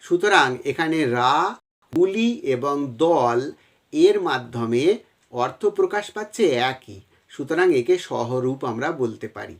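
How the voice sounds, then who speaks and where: A man's voice: mid-range voice, lively intonation, a little slow. A man teaching a grammar lesson to exam students, explaining step by step and addressing them directly, with a West Bengal Bengali accent.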